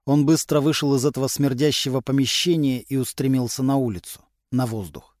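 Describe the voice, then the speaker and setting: A man reads a crime novel aloud in an even, unhurried storytelling voice. His pitch sits in the middle range. The studio recording is close and dry. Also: dry recording. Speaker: audiobook narrator. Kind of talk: scripted narration.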